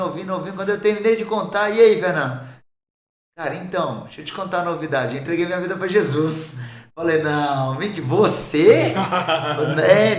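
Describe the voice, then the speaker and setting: A reverberant recording captures a pastor, his accent Brazilian Portuguese, giving his conversion testimony on a podcast with animation and impressions of the people he describes. His voice runs a little high.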